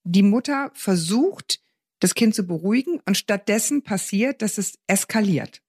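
A woman's voice: mid-range voice, animated, normal speed, a little mellow, slightly rough, no room sound, clean studio sound. Engaged woman discussing a listener letter. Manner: engaged, frequent agreeing, reads out a listener letter. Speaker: podcast co-host giving parenting advice. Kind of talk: casual advice chat.

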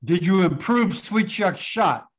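A man with a moderately high voice hosts a podcast. He moderates in a casual, conversational style. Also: lively intonation, slow pace. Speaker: podcast host.

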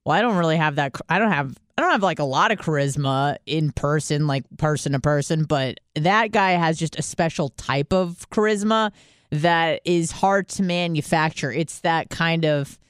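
A woman's voice: deep voice, normal speed, smooth, no room sound, clean studio sound. A woman hosting a podcast in casual chat, rambling and swearing as she gossips about a coworker. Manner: rambling, swearing, gossipy, with mocking put-on voices. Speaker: podcast host.

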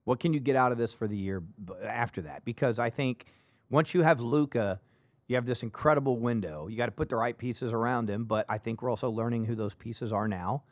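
A man hosting a casual sports talk show, emphatic and animated, often restarting his sentences. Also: medium pitch, a little fast, dry recording.

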